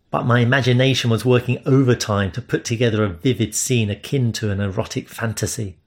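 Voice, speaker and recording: A man's voice: medium pitch, vocal fry. Man narrating a romance audiobook. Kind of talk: first-person romance narration.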